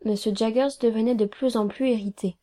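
A woman reading a novel aloud in a calm, even, quietly measured narration. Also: on the high side. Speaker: audiobook reader.

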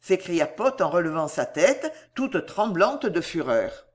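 An audiobook narrator who reads a classic novel slowly and deliberately, with a voice that rises and falls widely. The storytelling is theatrical and expressive, lingering on each phrase. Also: mid-range voice. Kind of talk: expressive literary reading.

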